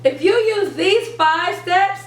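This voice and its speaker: Walking through a how-to lesson one step at a time, this young reading teacher and channel host puts stress on important words. She speaks very high-pitched and animated, taking it slowly, in a roomy recording from a distant mic with faint noise.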